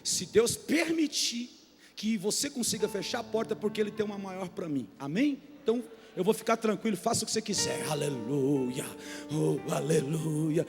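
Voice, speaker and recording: A man with a Brazilian accent preaches in a notably high voice, mixing a folksy, colloquial tone with fiery bursts that climb to shouting. His voice rings through a church hall with a long reverb, and soft music plays underneath. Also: normal speed, vocal fry. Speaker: pastor. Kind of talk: sermon.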